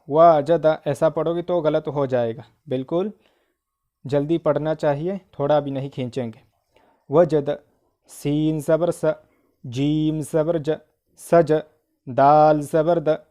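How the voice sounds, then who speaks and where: A man teaching Quran reading, with an Indian accent. He spells out letters and vowel marks in slow drills and speeds up when he explains a rule. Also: fairly high pitch, fairly even intonation, mellow.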